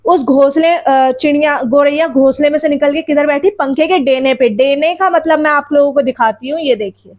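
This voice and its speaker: A woman teacher with a high voice walks her students through a textbook story. She explains word meanings again and again and keeps asking rhetorical questions. She often addresses the children directly. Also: moderate pace, few pauses, a little mellow.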